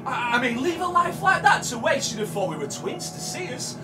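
A British-accented actor performs a live horror audio drama monologue as a haunted, obsessive man confessing to a killing, his halting, repetitive delivery lurching from hushed tones to shouts. His voice is very high-pitched with big pitch swings, and the mood is manic and gloating. He is on a small, dim café stage before a seated audience, caught by a distant live room mic with music playing behind.

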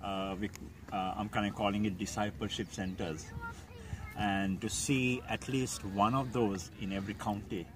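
A man's voice: lowish voice, fairly even intonation, normal speed, distant mic. A man in his forties from Sri Lanka, a pastor, speaking hesitantly with many fillers in an outdoor interview. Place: open hilltop outdoors.

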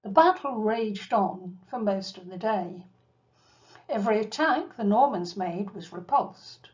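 A woman giving a history lecture, telling the story in a measured way with asides to her listeners. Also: medium pitch, animated, a little mellow, lo-fi sound. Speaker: cruise ship enrichment lecturer. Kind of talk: history lecture over slides.

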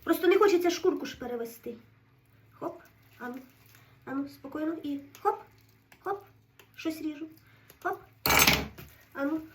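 Woman, high voice, nervous self-soothing kitchen commentary, set back from the phone mic, faint hiss behind. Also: moderate pace, pauses often, distant mic. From Ukraine. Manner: fretful, keeps telling herself to stay calm. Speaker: home cook vlogger. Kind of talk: casual running commentary while cooking.

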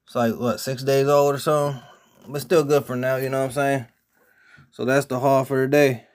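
A man chatting casually in a vlog, showing off his groceries in relaxed slang. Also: medium pitch, moderate pace. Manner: laid-back slangy talk, showing off groceries. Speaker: vlogger.

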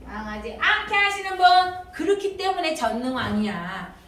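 A woman preaching a children's sermon in a church, animated and sing-song, quizzing the kids directly. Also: sits high, normal speed, slight background noise. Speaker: Sunday school teacher. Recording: echoey hall from far off.

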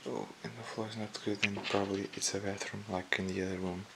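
Man, urban explorer, very flat low voice, hushed commentary, handheld camera in a dark empty house. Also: fast, gravelly, very noisy. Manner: hushed, half-whispered remarks. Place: dark abandoned house indoors.

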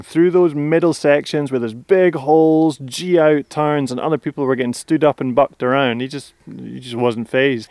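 A man's voice: medium pitch, gravelly, a little mellow, no room sound, studio quality. A man with a Scottish accent hosting a casual race recap, chatty and upbeat with plenty of slang. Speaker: host.

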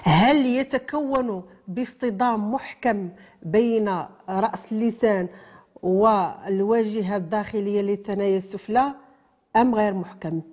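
A woman's voice: mid-range voice, normal speed, a little mellow. A woman with a Moroccan accent teaching a lesson on how a letter is pronounced, asking questions and then answering them herself, mixing formal terms with everyday speech. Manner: explains step by step, asks and answers her own questions. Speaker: tajweed teacher.

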